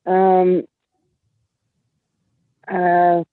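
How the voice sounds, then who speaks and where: A woman's voice: lowish voice, monotone, drawn-out words, no echo. A woman speaking as a defendant over a conference call, hesitant and unsure as she answers. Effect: conference call audio. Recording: tinny, dry conference call line.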